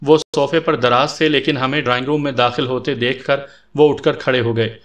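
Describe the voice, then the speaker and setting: A man's voice: medium pitch, fairly even intonation, a bit bright. A man reading an audio story aloud as its narrator, speaking the characters' lines in his own voice. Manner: reads all the characters' dialogue in his own voice.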